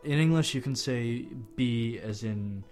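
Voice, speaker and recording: A man's voice: medium pitch, unhurried, darkish tone, faint music behind. A man co-hosting a casual language lesson podcast, with sarcastic asides. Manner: wry, sarcastic. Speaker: podcast co-host.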